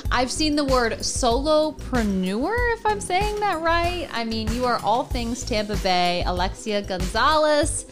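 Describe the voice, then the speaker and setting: A woman's voice: on the high side, sing-song, measured pace, hardly any pauses. A woman co-hosting a podcast, upbeat and giggly in casual chat. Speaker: podcast co-host. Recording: music bed under the voice.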